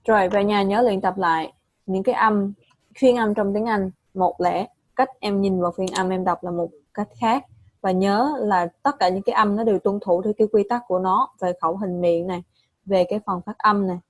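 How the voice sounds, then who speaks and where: A woman's voice: medium pitch, moderate pace, dry recording. A woman with a Vietnamese accent teaching English pronunciation, repeating words and correcting a student patiently. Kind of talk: online pronunciation lesson.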